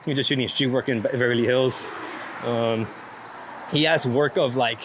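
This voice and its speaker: Over a noisy background, a man speaks at a moderate pace with a steady tone and medium pitch. As a street photographer being interviewed, he chats casually, rambling in a laid-back manner and cursing freely about his creative work.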